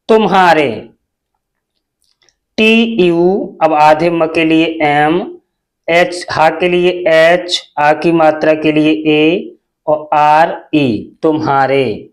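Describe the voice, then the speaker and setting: A male teacher giving a spelling lesson, slowly spelling words out letter by letter. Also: on the high side.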